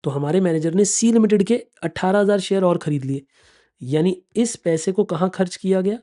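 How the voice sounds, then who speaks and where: A mellow, unhurried male tutor in his thirties with a high-set voice teaches a finance exam class. He explains each step carefully, keeps asking whether everything is clear, and fondly calls his students "beta" and "bachchon."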